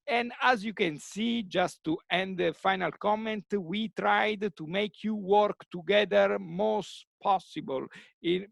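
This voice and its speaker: High-voiced man moderating. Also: vocal fry, no room sound, studio quality. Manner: repetitive, many fillers and restarts. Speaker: workshop moderator. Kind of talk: online meeting facilitation. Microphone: video call.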